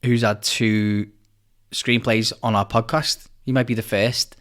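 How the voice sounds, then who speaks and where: A man co-hosting a podcast, chatting casually in a relaxed, rambling way. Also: fairly low pitch, a little slow. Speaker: podcast co-host. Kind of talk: casual chat.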